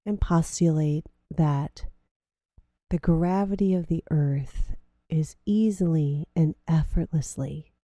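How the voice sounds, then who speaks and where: A woman leading a guided grounding meditation in slow, soothing, drawn-out phrases. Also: sits low, dark tone, no echo, clean studio sound.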